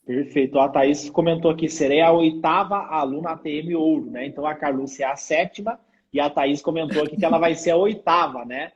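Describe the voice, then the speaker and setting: A man's voice: fairly high pitch, a little fast, slightly rough. A man hosting a live stream interview, upbeat and promotional, with frequent tag questions. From Brazil. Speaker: host, med-prep coach. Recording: dull lo-fi sound.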